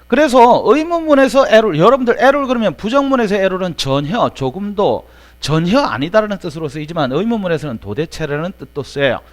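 A man's voice: high voice, sing-song, brisk. A man teaching an English grammar lesson to students, in casual speech that keeps checking they follow. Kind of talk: lecture.

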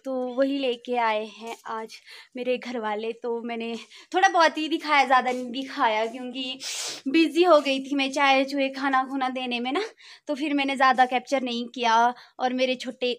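A young Himachali-accented woman speaks in a high, light voice while she vlogs from home. She chats loosely and often corrects herself mid-sentence, talking into a phone she holds in her hand. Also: no room sound. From Himachal Pradesh, India. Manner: chatty, rambling, self-correcting. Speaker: family vlogger. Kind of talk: casual home vlog.

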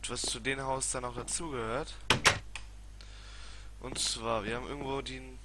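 A man's voice: medium pitch, fairly even intonation, moderate pace. A man giving casual gameplay commentary as a let's player, muttering and grumbling in colloquial exclamations. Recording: clearly noisy home recording with clicks.

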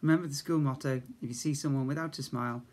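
This British infant school teacher, in his fifties, is a fast talker with a medium pitch and steady tone. He reads comic rhymes expressively to young children, adding chatty asides. Recording takes place in a small indoor school office via a device camera at arm's length.

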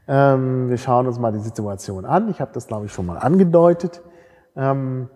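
A man's voice: medium pitch, animated, normal speed, dark tone. A man giving a university lecture, explaining step by step and often checking in with tag questions and fillers. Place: lecture hall. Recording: reverberant lecture hall.

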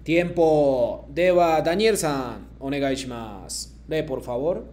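A man teaching a Japanese class over a video call, patiently modeling each phrase slowly for students to repeat. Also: fairly high pitch, darkish tone, a little hiss or hum. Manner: patient, slow careful modeling of phrases for repetition. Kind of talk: online language lesson.

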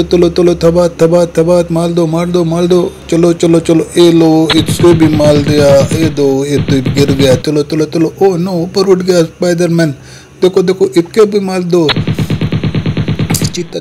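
A man's voice: a little high, flat delivery, a little slow, music in the background. A man narrating playful toy play in a childlike, lisping way, repeating little calls to look and come on over and over.

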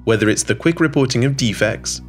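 A man reading a scripted product voice-over in a smooth, even, polished way, recorded in a studio. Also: medium pitch, a little fast. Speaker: voice-over narrator. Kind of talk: scripted corporate narration. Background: soft background music.

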